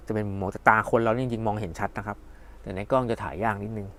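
A man's voice: fairly low pitch, steady tone, very fast. A man casually demonstrating a thermometer at home, thinking aloud and narrating each button press as he goes. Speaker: product reviewer. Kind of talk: casual hands-on product demo. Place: at home indoors. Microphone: phone camera.

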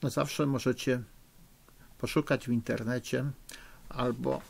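A middle-aged man teaching children in a recorded lesson, slow, patient and encouraging, spelling out rules. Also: mid-range voice, fairly even intonation, creaky, a little mellow. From Poland. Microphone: recording for a lesson video.

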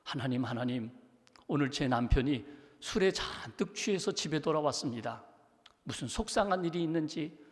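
A devout young wife, voiced by a male preacher, pleads in prayer in a soft, earnest tone. Her voice carries the long reverb of a church hall. She sounds gentle and persistent. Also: mid-range voice, pitched below the performer's own voice, natural voice.

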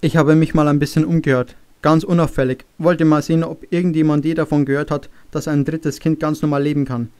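A man's voice: a little high, level tone, a little mellow, smooth, close to an everyday voice. A man reading a grave, weary father. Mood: grave, resigned. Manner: grave, measured.

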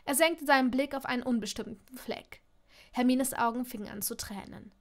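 A woman with a high voice reads a fan-fiction audiobook aloud. She keeps a calm, even storytelling tone. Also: moderate pace. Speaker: audiobook narrator. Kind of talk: scripted narration of fan fiction.

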